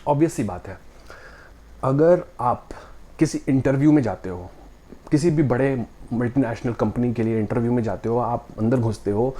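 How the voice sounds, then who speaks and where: Man, motivational speaker, warm dark tone, casual direct delivery, rhetorical questions. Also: mid-range voice, moderate pace. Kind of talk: motivational talk to the camera.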